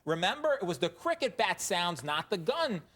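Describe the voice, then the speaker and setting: Male TV host moderating a legal debate, lively pitch, keeps it moving. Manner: brisk, leading, asks "right?" often.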